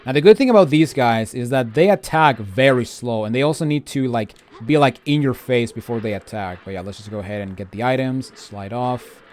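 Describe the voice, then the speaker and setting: A man's voice: medium pitch, fairly quick, hardly any pauses, a little mellow. Male walkthrough host: mid-range voice, informal, off-the-cuff gaming commentary with a grumbling streak. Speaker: video game walkthrough host. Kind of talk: casual gameplay commentary.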